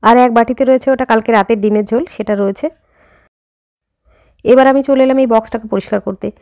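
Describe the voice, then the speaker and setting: Bengali woman vlogging her day, slight rural lilt, talks fast, kinda high voice. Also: fairly even intonation, a little mellow. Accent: Bengali with a slight rural Jessore-Khulna lilt. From India. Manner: chatty, addresses viewers directly, frequent fillers. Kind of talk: casual vlog narration. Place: home and outdoors while running errands.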